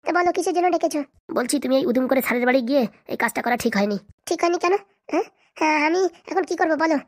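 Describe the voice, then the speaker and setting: A woman plays a jilted cartoon wife with a high voice who argues at a racing pace. She is insistent and complaining, never letting up. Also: animated, very fast. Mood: aggrieved. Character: jilted young wife, bold and demanding.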